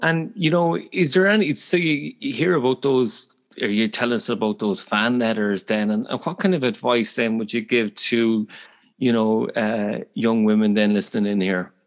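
A middle-aged man with an Irish accent hosts a conversational interview. His pitch is average for a man. He builds his questions in a hesitant, wordy way. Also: fairly even intonation, normal speed. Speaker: podcast host, interviewer.

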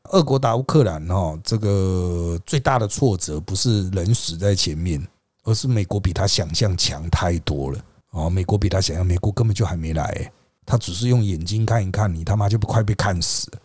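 A man hosting a podcast, delivering sarcastic political commentary full of rhetorical questions and drawn-out sentence-final particles. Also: medium pitch, a little mellow, no room sound, clean studio sound. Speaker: podcast host.

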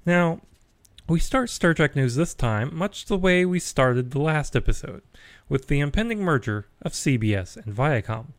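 A man's voice: fairly high pitch, expressive, normal speed, dry recording. A man hosting a geeky news podcast, chatty, with wry asides and frequent fillers. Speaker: podcast host.

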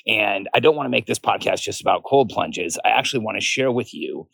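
A man's voice: lowish voice, lively intonation, a little fast, gravelly, a bit bright, no echo. A man in his forties hosting an informal solo podcast from his backyard, speaking earnestly and repeating phrases for emphasis. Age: 40s. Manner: talking casually from a backyard. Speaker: podcast host. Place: outdoors in a backyard by a pool.

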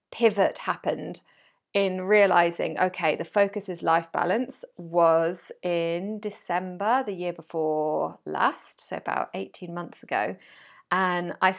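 A woman's voice: mid-range voice, creaky. A woman from Wales, a life coach hosting her podcast in a chatty, rambling way with frequent laughter. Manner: chatty and rambling, laughs often, self-deprecating. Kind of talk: casual solo podcast talk.

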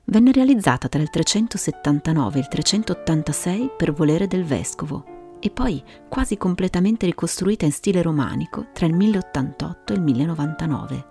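A woman hosting and narrating a scripted story in a measured way, with dramatic pauses. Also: sits low, expressive, darkish tone. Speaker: host and narrator of a storytelling show. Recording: music behind the voice.

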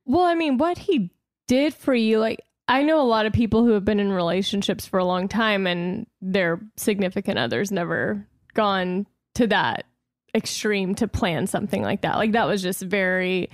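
A woman's voice: mid-range voice, moderate pace, no room sound. Supportive woman co-host, dry sound. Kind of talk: casual chat.

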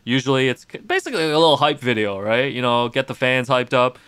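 A man co-hosting a sports podcast in casual chat, telling stories with animated amusement. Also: mid-range voice, fast, clear, resonant tone, no echo. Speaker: podcast co-host. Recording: dry studio sound with faint music.

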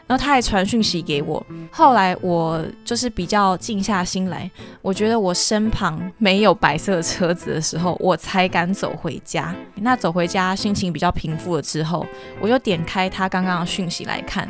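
A woman's voice: fairly low pitch, moderate pace, hardly any pauses, soft background music. A young woman, hosting a podcast and telling a personal story in a candid, chatty, earnest way. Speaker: podcast host.

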